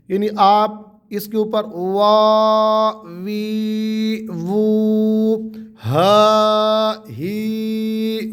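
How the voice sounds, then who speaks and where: A man teaching a Quran tajweed lesson, drawing out single letter sounds and explaining each one patiently. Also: sits high. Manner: drawn-out letter sounds for pupils to repeat.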